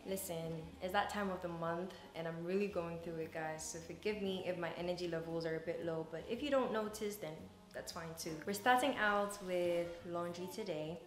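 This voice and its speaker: Talking at normal speed in a lowish voice with hardly any pauses, a twenty-something vlogger from Ghana chats casually to her camera. She is indoors in her living room, kitchen, and bedroom, the camera sits a few feet off, and the room echoes with music in the background.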